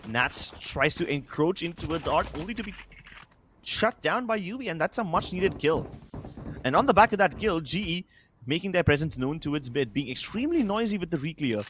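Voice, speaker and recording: Higher-voiced man esports caster, theatrical and emphatic. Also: a bit bright, slight background noise. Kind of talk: live esports colour commentary and analysis.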